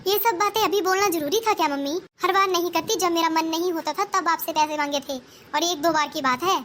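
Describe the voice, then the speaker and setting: A woman's voice: extremely high pitch, a little fast, a bit bright, slight background noise. A woman voicing a spoiled, demanding young married daughter in a cartoon, petulant and complaining. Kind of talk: cartoon voice acting.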